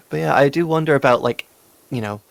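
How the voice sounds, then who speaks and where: His voice sits a bit high and has a creaky edge, with no room sound on the recording. He keeps up relaxed gameplay chatter on a stream, laughing often and drifting through tangents.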